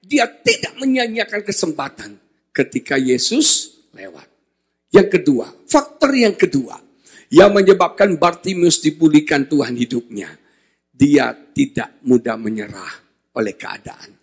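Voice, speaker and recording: Energetic husky-voiced male pastor. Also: a little high, unhurried. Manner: energetic, jokey, often shouting, asks the congregation questions. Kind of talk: lively sermon. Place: church hall.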